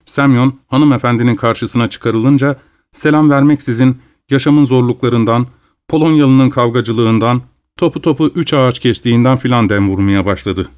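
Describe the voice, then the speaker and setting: A man reading a classic short story aloud as narrator, in a steady, measured way. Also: mid-range voice.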